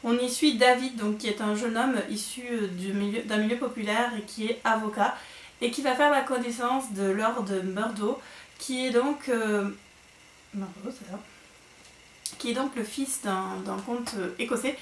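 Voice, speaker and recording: A woman's voice: on the high side, normal speed. A woman giving a casual monthly book recap on her vlog, chatty and hesitant with frequent fillers and restarts. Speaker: book vlogger. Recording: echoey room with faint noise.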